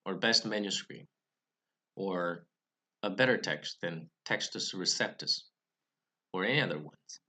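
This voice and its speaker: With a deep, pushed and bright voice, a young Bible study channel host talks to camera about reading Greek scripture from a careful script. English is his second language, and his measured delivery includes occasional restarts.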